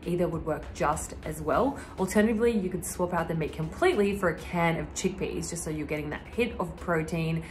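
A woman's voice: low voice, fairly quick, hardly any pauses, slight background noise. A young woman hosting a cooking vlog, explaining a recipe to camera in a friendly, instructive way from her home kitchen. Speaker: cooking vlogger. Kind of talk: upbeat cooking tutorial. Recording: music clearly underneath.

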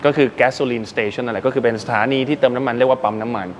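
A man with a mid-range, fairly even voice talks fast over slight background noise as he hosts a casual vocabulary lesson in a car showroom. This English teacher and show host patiently explains words, spells them letter by letter, and ends sentences with soft, polite particles.

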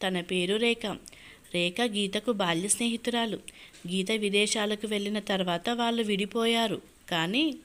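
A woman reading a dramatic family story aloud in an even, steady storytelling manner. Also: medium pitch. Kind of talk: scripted narration.

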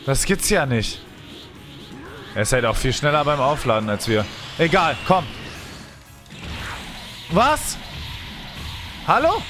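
A young man hosting a video game let's play, commenting excitably and complaining loudly as he plays. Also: fairly high pitch, slow pace, pauses often, music in the background. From Germany. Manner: complaining, exclaiming, animated.

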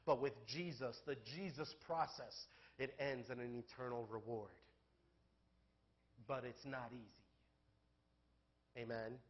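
A male pastor giving a sermon in a church, talking candidly and conversationally, then building to loud, emphatic peaks. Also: mid-range voice, steady tone, slow, pauses often, highs cut off.

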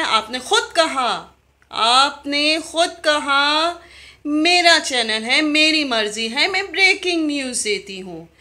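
Holding her phone camera at arm's length in her living room, a woman from Pakistan in her thirties scolds a fellow vlogger in a video diary rant. She's a YouTuber answering him with sharp rhetorical questions, her voice sitting high with a bright, forceful tone.

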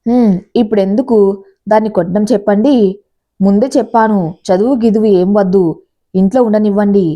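A woman's voice: medium pitch, mellow, lo-fi sound, close to an everyday voice. A woman voicing an angry, jealous young man who scolds his fiancée with sarcasm.

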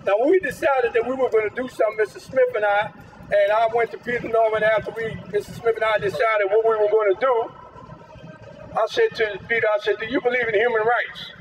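An older man with a high voice tells a story with emphatic, folksy punch. He is picked up from well off the mic, outdoors, with faint street noise underneath. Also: level tone, a little fast, recorded from a distance, low-quality recording. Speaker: guest speaker. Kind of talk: impassioned storytelling to a crowd. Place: outdoors at a public gathering.

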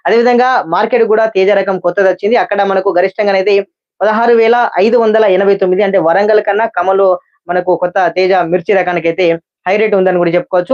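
A man's voice: sits high, darkish tone. A man gives an unscripted market price report as a channel host, with repetitive phrasing and small stumbles over figures. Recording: dull lo-fi sound.

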